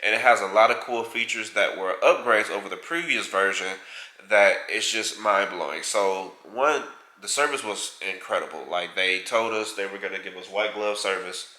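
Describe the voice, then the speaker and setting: Touring his large home theater room indoors, a vlog co-host rambles casually and corrects himself, sounding nasal from a head cold. His voice is on the low side and bright with a forceful tone, at a moderate pace, and the room sounds echoey.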